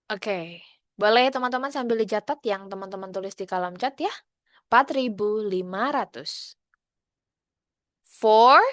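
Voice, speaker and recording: A woman's voice: mid-range voice, no echo. A woman with an Indonesian accent teaching English numbers in an online class, switching between Indonesian and English and drilling the words patiently. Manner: patient, slow drills, asks students to answer in chat.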